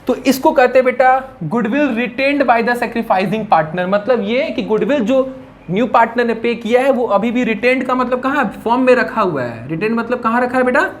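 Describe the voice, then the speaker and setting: A man's voice: very high-pitched, animated, normal speed. A male commerce teacher giving a classroom lecture, asking his students questions and answering them himself, calling them "beta" and mixing English terms into his explanations. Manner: calls students "beta" affectionately. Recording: faint background noise.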